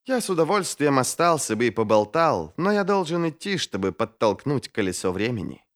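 A man's voice: mid-range voice, sing-song, a little fast, voice pushed up, natural voice. A man voicing a sly, smirking male mage with a silky, mocking manner.

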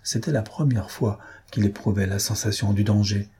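A man narrating a novel as an audiobook reader in an even storytelling delivery. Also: fairly low pitch, normal speed, husky. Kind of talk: scripted narration.

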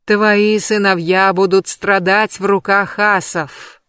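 A woman voicing a vengeful witch who chants a dark prophecy in a slow, hissing, menacing way. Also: mid-range voice, steady tone, dry recording, studio quality, natural voice. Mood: chanting.

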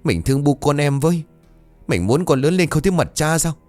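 A man's voice: a little high, expressive, fairly quick, a little mellow, soft background music, voice pushed up, lightly acted. A man voicing a poor, desperate young peasant wife in a ghost story, begging through tears. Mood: pleading. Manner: tearful pleading.

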